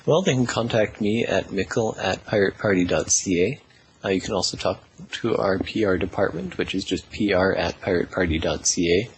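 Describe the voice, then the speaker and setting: A man's voice: low voice, normal speed, a little hiss or hum, poor audio. A man in his twenties answering interview questions thoughtfully, with many fillers. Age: 20s. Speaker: political party representative, guest.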